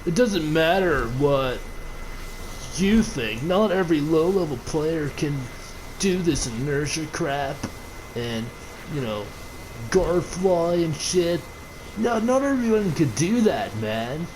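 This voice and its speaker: A man voicing a stereotypical laid-back surfer dude with a dismissive drawl, a little higher than his own voice. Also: lively intonation, takes it slowly, darkish tone, slight background noise, low-quality recording.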